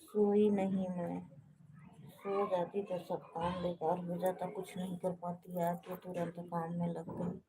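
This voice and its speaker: A woman casually chatting with viewers on a live stream, speaking softly and hushed from a balcony at home. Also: on the low side, flat delivery, slow pace, a little hiss or hum, rough recording. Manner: speaks softly and hushed to avoid waking others.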